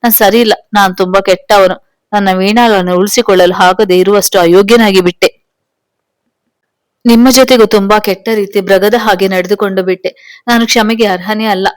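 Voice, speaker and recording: A woman takes on a grieving young husband in a storybook reading. He talks low and full of guilt, and the voice sits dry and close to the mic. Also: fairly even intonation, normal speed, no echo, natural voice. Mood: remorseful. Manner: guilt-ridden, self-blaming.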